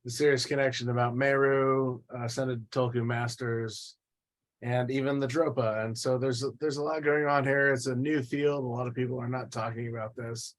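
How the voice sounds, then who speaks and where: A researcher from Nepal talking eagerly on a video call, a little halting. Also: male voice, medium pitch, level tone. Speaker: researcher and guest speaker. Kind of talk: casual video-call chat.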